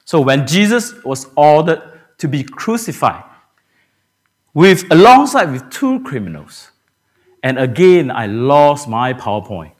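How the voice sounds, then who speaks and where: A man preaches a Good Friday sermon from a church pulpit. His voice sits high and swings widely in pitch as he throws rhetorical questions at the congregation. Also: big pitch swings, unhurried. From Singapore. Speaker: pastor. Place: church sanctuary.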